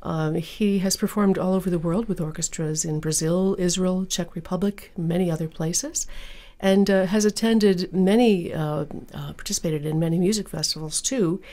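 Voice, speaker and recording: A woman speaking as a public radio host, presenting classical music and interviews in a measured, conversational announcer's manner. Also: fairly low pitch, mellow. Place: radio studio.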